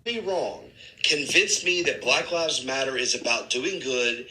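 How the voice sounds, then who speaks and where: A man telling a story in conversation, acting out the quoted lines with lively energy. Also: medium pitch, unhurried, reverberant, rough recording. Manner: animated, acts out quoted dialogue. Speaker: guest in a played clip.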